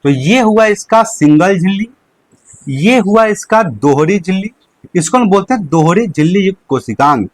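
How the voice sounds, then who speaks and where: With a high-pitched, animated voice at a moderate pace and no echo, a young man gives a live online lecture. Key terms get repeated, he answers the questions he asks, and a handkerchief serves as his prop.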